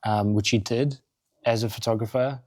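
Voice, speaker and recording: A South African man, a podcast guest and coffee roaster founder, telling his story in casual, animated chat in a studio. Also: medium pitch, moderate pace, dry recording. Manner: animated, acts out quotes in other voices.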